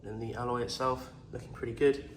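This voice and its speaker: Here a car salesman, who has a cold, moves around a pick-up outside and calmly runs through its condition step by step. He talks fairly quickly in a steady, mid-range voice, and the recording is echoey with faint noise.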